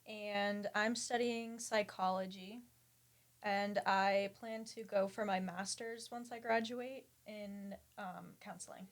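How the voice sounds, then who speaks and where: A twenty-one-year-old woman chats on a podcast in a soft, matter-of-fact way. Her pitch barely moves, and the recording is dry and close. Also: fairly even intonation, slow pace, dry recording. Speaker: peer support worker, podcast guest. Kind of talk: casual podcast chat.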